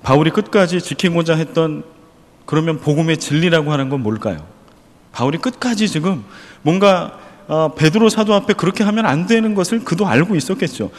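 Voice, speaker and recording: A man's voice: on the high side, expressive, brisk, in a large hall. A man preaching an earnest sermon as pastor, praying aloud and asking his congregation rhetorical questions. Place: church.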